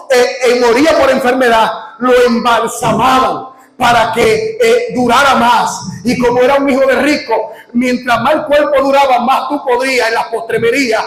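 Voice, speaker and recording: A male preacher giving an impassioned sermon in a live church service, questioning his congregation and often shouting. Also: extremely high pitch. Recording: echoey church hall with music and congregation. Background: music and congregation.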